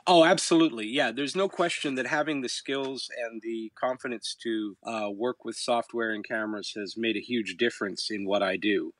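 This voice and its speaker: This middle-aged Canadian musician, a man with a fairly low and slightly bright voice, answers interview questions as a guest. He reflects and tells stories, pausing hesitantly at times. There's no room sound on the recording.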